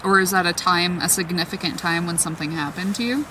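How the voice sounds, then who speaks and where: A woman talking casually in an excitable, chatty way as she questions spirits aloud in a vlog. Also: on the low side, quick pace. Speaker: paranormal investigator. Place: outdoors in a forest at night. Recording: distant mic, clearly noisy outdoor ambience.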